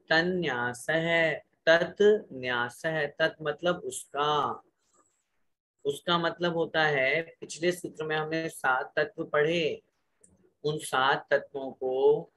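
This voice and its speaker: A man's voice: on the high side, sharp tone. A man teaching a scripture lesson, reciting a sutra word by word and asking the class to repeat each phrase aloud.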